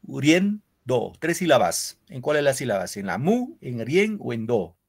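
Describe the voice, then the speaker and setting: A man's voice: mid-range voice, sing-song, moderate pace, husky. A man teaching a secondary school literature class over a video call. He explains step by step, quizzes his students and tags his sentences with "no?". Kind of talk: online class lecture.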